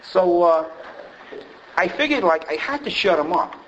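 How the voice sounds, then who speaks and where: A man's voice: high-pitched, lively intonation, unhurried, a bit bright. A man telling a rambling, self-deprecating personal story about his drinking, full of fillers and restarts. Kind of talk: personal recovery story told to a group. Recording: dull lo-fi recording, faint hiss.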